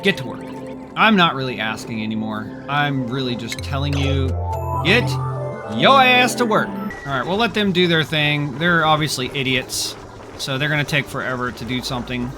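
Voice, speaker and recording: A man narrating his game as he plays, sarcastic and exasperated, grumbling at his characters. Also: on the high side. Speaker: gameplay streamer. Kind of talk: exasperated gameplay commentary.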